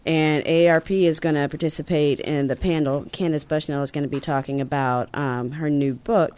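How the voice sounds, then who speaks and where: A guest on a radio talk show who speaks in a relaxed, conversational way while promoting an event. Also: medium pitch, a little fast, smooth. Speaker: guest from a senior advocacy group. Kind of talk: casual radio interview.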